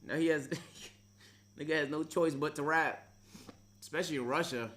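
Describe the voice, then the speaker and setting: A man's voice: a little high, fairly even intonation, normal speed, a bit bright, a little hiss or hum. A man casually reacting to a video for his chat, joking and talking in loose slang.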